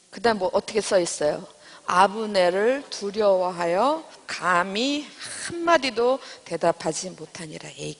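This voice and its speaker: A woman's voice: mid-range voice, in a large hall. A woman teaching a Bible study class in church. She quizzes her listeners and retells scripture in plain everyday speech.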